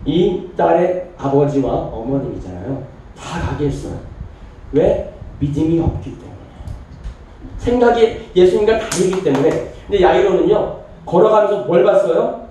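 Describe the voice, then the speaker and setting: A male pastor with a high, mellow voice preaches to his congregation and acts out the people in his story. He is heard from a distance in a very echoey church hall. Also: lively intonation, normal speed, a little hiss or hum. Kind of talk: sermon. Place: church sanctuary.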